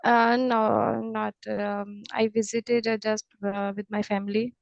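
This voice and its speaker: Female English learner, Punjabi accent. Slow, hesitant, gravelly fry, conversational online class. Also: mid-range voice, level tone, no echo, dull audio. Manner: halting, frequent pauses. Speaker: adult English student. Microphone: online call.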